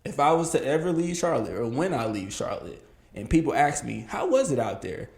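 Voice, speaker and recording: Fairly quick and a little mellow, this man's medium-pitched voice swings widely in pitch within an echoey room. He is in his early thirties, hosting a casual solo podcast in a candid, reflective way punctuated by emphatic bursts.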